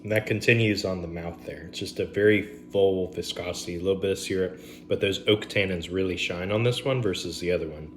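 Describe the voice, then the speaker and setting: A man's voice: low voice, a little fast, a little hiss or hum. A man, casually reviewing bourbons on camera at home, rambling with fillers and asides.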